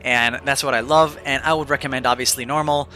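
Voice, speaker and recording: Bright-voiced man explaining a game. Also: medium pitch, steady tone, a little fast, soft background music. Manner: rambling and upbeat, with fillers and restarts. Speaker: gaming video creator. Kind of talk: casual tutorial voice-over.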